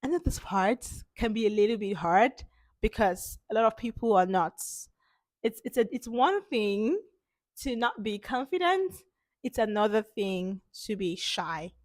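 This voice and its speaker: A confidence coach, a woman with a cold-roughened voice, runs an informal teaching talk full of emphatic, repeated points. She is very animated yet unhurried, her mid-range voice caught in a dry recording.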